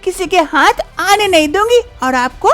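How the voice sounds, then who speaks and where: A woman voicing a devoted, caring young wife in an animated story, earnest and reassuring. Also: very high-pitched, moderate pace, faint music behind.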